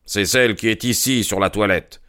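A man's voice: fairly low pitch, moderate pace, sharp tone, clear, resonant tone, dry recording, clean studio sound. A man reading a stubborn anxious banker. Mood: insistent. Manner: insistent, emphatic. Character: anxious, stubborn middle-aged male banker. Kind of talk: audiobook character reading.

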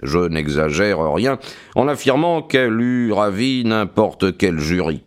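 A man narrating a detective story as an audiobook, in an expressive, measured storytelling manner. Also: on the low side. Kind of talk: dramatic audiobook reading.

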